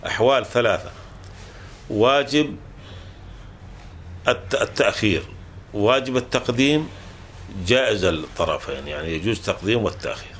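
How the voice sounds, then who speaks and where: A man's voice: medium pitch, a bit bright, a little hiss or hum. A man teaching a classical grammar text, explaining patiently and restating each rule several times with small self-corrections.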